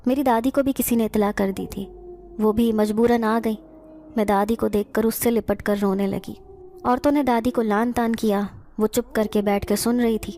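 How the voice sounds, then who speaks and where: A woman narrating a first-person horror story in a steady storytelling manner. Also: mid-range voice, a little hiss or hum.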